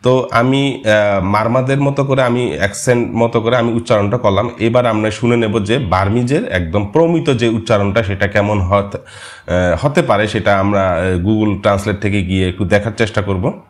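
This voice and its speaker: A man whose first language is Marma, patiently explaining a screen-share language lesson and often pausing to hesitate. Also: lowish voice. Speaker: language course teacher.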